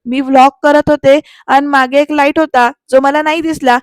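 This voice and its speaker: A woman's voice: sits high, fairly even intonation, moderate pace, no room sound, clean studio sound, lightly acted. A woman voicing a spoiled, dramatic young wife who complains in a whiny way. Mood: complaining. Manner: whiny, exclaiming, English words mixed in.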